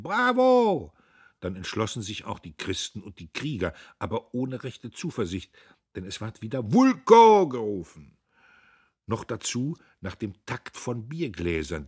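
A man reading a novel aloud in a dramatic, expressive narration. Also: lowish voice, breathy edge. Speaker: audiobook reader. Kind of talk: literary audiobook narration.

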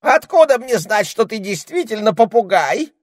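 A man voicing a shrill, pompous male ermine duke in an audiobook, blustering and squealing. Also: very animated, moderate pace, no room sound, studio quality. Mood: suspicious. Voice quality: piercing squeal, shouting. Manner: theatrical, self-important. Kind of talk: audiobook character voice.

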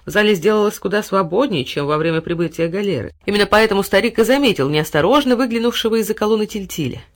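A narrator reading a fairy tale aloud in an expressive, dramatic way. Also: mid-range voice.

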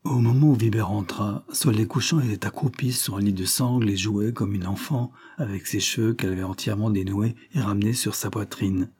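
A man narrating a classic novel as an audiobook, in a measured, literary reading. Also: on the low side, steady tone, darkish tone, slightly rough. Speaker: audiobook reader.

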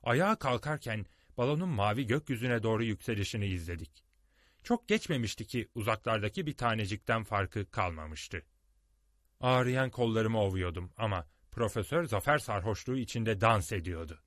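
A man narrating a storybook audiobook in an expressive, dramatic way, recorded on a close studio mic. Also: lowish voice, moderate pace, no echo.

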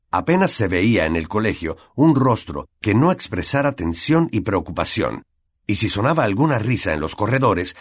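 A man with a Latin American Spanish accent narrating an audiobook in an expressive storytelling manner. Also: deep voice, husky, dry recording, studio quality.

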